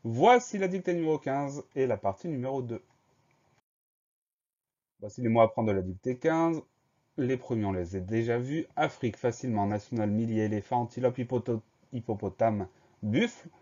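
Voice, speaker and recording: A male teacher giving a spelling lesson, spelling words out letter by letter in a slow, patient way. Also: mid-range voice, animated, mellow. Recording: dull lo-fi voice recording.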